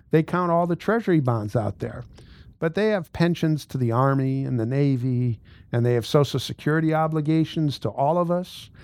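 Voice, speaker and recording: An American man in his sixties, a host and tax and accounting adviser, gives informal explanatory financial commentary. He is blunt and emphatic, repeating phrases for stress, in a medium-pitched, darkish voice with no echo.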